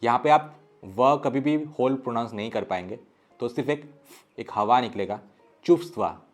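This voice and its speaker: A man's voice: mid-range voice, moderate pace, faint music behind. A man teaching a language lesson. He reads foreign words aloud one at a time, then explains the pronunciation rules, dropping English words into his talk.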